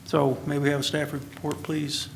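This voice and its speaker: A man chairing a formal public meeting, moving through procedure in a brisk and businesslike manner. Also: on the high side, monotone, vocal fry, very noisy. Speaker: commission chairman.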